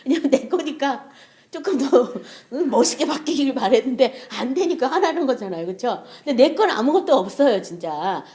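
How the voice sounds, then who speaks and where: Middle-aged woman preaching, kinda high voice, really animated, asks lots of questions and laughs a lot. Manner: lively storytelling with laughter and rhetorical questions. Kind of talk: sermon.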